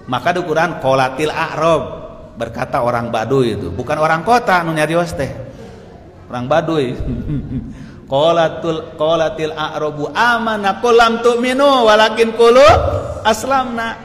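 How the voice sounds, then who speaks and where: A man with a Sundanese accent preaching a sermon, telling stories with lively energy, laughing often and shouting out the lines he quotes. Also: a little high, measured pace. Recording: echoey hall with faint noise.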